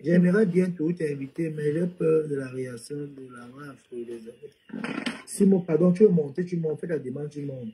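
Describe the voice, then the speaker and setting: Mellow-voiced man pleading with viewers. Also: on the high side, normal speed, a little hiss or hum, rough recording. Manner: pleading, repetitive, asks viewers for support. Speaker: live-stream host. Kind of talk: casual live-stream chat.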